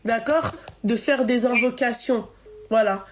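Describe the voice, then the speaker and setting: Une femme qui anime un direct en ligne et sermonne une appelante avec insistance, en se répétant. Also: female voice, fairly high pitch, unhurried, a little hiss or hum. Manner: scolding, emphatic, repeats herself. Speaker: live stream host. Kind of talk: live call-in chat.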